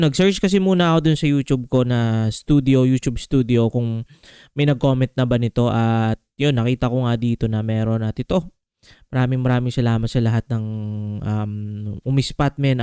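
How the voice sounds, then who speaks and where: A man's voice: mid-range voice, normal speed, darkish tone, smooth, dry recording, studio quality. A man hosting a music reaction video, talking casually and slangily and tossing in "men" between phrases. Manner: slangy, peppers talk with "men" and fillers.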